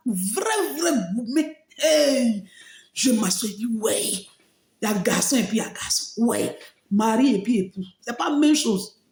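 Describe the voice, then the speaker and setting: A woman shares an emotional personal testimony. Her voice sits fairly high and swings widely in pitch as she tells her story with frequent exclamations. The sound is roomy, with a noticeable echo. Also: a little mellow. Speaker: testimony speaker.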